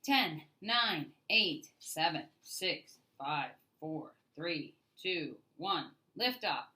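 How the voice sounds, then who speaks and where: Reading a children's picture book aloud like a storyteller, a low-voiced woman delivers each line expressively and with emphasis, phrasing her words deliberately.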